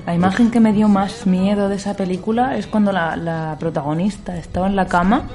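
Woman, easygoing, casual conversation, soft music underneath. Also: mid-range voice, fairly even intonation, brisk. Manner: easygoing, laughs along. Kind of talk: casual chat.

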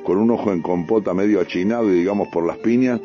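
A man with a Rioplatense accent reads a first-person story on the radio, unhurried and full of street slang. His voice is low and mellow. The sound is a dull radio broadcast with faint music underneath. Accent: Rioplatense Spanish. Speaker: radio host reading a story.

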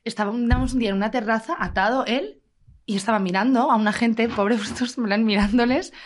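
Give me a rapid-talking woman in casual chat. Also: on the high side, fairly even intonation, slight background noise. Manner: quick emphatic interjections. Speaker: podcast guest.

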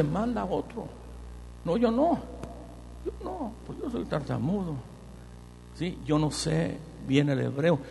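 A man's voice: a little high, long reverb tail, slight background noise. A man preaching a sermon to his congregation as a rabbi, mixing in a playful Hebrew lesson and often checking in with his listeners. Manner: constantly checks in with the audience with "right?"; lively, playful teaching with repetition drills.

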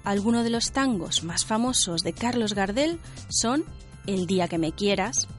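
Clear-speaking Spanish woman host. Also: medium pitch, animated, unhurried, soft background music. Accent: Spanish from Spain. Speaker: radio host and presenter. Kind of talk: scripted narration and interviewing.

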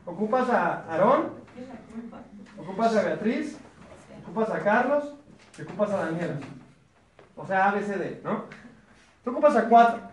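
Brief: high-voiced Mexican man presenting a business opportunity in an echoey meeting room, chatty and joking. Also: sing-song, normal speed, pauses often. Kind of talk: live sales presentation to a small group. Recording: roomy echo.

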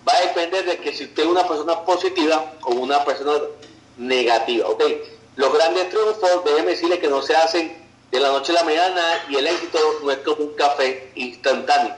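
A man delivers an online business pitch, persuasive and insistent. His voice sits a little high and rings in a roomy, echoing space. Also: brisk, slight background noise. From Venezuela. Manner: persuasive, tags sentences with "ok" and "verdad". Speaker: business presenter.

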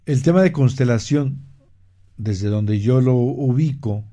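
A man hosting a radio health show, explaining terms and recounting a therapy case in a measured way, with frequent pauses and fillers. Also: mid-range voice, warm tone. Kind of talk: slow explanatory talk.

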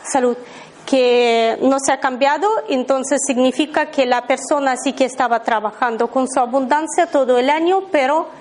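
A woman's voice: high-pitched, normal speed, darkish tone. A woman leading an abundance workshop, talking informally to a small live group, telling anecdotes and checking in with her listeners often. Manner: chatty, tells anecdotes, keeps asking the listeners "¿vale?".

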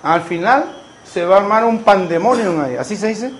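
A man's voice: sits high, expressive, brisk, low-quality recording. A man, preaching a sermon as a pastor and asking the congregation rhetorical questions.

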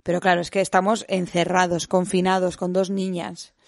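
A woman with a Spanish accent telling a family story in quick, animated casual chat. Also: lowish voice, vocal fry, no echo, clean studio sound. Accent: Spain.

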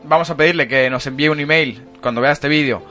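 Bright-voiced podcast host, laughing. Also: male voice, fairly high pitch, fast, soft background music. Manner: laughs often, storytelling with fillers. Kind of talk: casual chat.

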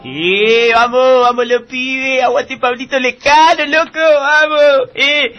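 A man's voice: very high voice, fairly even intonation, slow pace, dull audio, soft background music. A man playing a rowdy, crude young cumbia fan, drawling slang in a radio comedy. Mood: brash.

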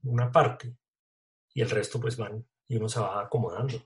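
Slangy actor, casual talk. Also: male voice, medium pitch, fairly even intonation, fairly quick. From Colombia. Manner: casual, slangy, many fillers and restarts.

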